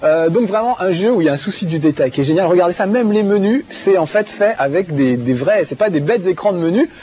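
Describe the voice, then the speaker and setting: Playing a game on TV, the male host chats with enthusiasm, laughs frequently, and leans on fillers. His high, lively voice is quick, mellow, and husky, heard through dull broadcast audio with faint background music.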